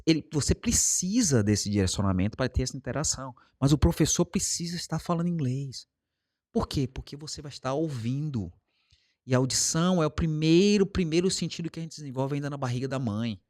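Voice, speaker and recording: Brazilian guy, english teacher, chatting casual, gives lots of examples, speeds up and slows down. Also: a little high, expressive, a little mellow. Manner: explains with everyday examples and acted quotes, varying pace. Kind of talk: casual monologue to camera.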